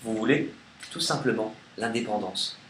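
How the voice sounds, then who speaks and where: A man giving a casual tarot card reading to camera, reading the card texts aloud with playful, lively emphasis. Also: fairly low pitch, moderate pace, slight background noise. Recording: echoey room with faint ambience.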